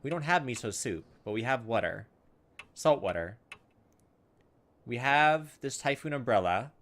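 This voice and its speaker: With lively intonation and a fairly bright, mid-range voice, a man hosts a gaming video at a slightly slow pace. In this let's play, he dramatically reads on-screen story text aloud and slips in playful asides.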